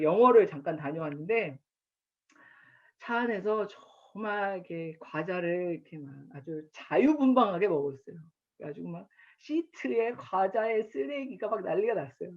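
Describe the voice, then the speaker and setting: A man's voice: high voice, lively intonation, normal speed. A man in his thirties preaching at an online chapel, telling stories about his daughter and acting out her lines. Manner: warm storytelling with acted quotes of his daughter. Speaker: campus ministry pastor. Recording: dull lo-fi online chapel recording.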